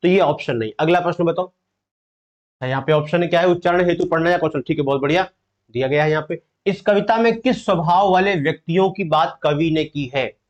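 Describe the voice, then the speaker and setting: A man's voice: on the high side, a little fast. A male teacher running a live online exam-prep class, quizzing students, explaining step by step and fondly calling them "beta". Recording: dull lo-fi audio.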